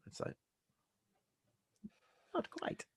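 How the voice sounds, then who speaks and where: A man's voice: extremely slow, no echo. A man co-hosting a podcast, chatting casually, laughing and swearing as he talks. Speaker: podcast co-host.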